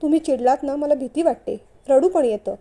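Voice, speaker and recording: A woman's voice: high voice, a little fast, dark tone. A woman voicing a timid, tearful young wife who speaks hesitantly in a storybook reading.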